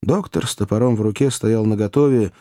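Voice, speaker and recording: A man reading an adventure novel aloud in an even, descriptive storytelling manner. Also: on the low side, a little fast, dry recording, studio quality. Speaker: audiobook narrator. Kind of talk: scripted audiobook narration.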